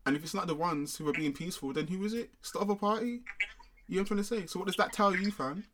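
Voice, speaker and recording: A man's voice: high-pitched, fast talker, a bit bright. Young man, London roadman accent, street slang, casual discussion, emphatic, frequent check-in tags. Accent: London, multicultural urban slang (roadman). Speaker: discussion panellist.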